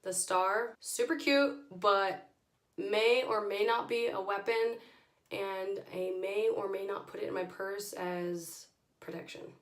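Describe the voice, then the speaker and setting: Hoarse lady doing a casual makeup vlog, voice almost gone, slangy and chatty, roomy echo. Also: medium pitch, steady tone, takes it slowly. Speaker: beauty vlogger. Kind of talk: casual product review to camera. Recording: echoey room.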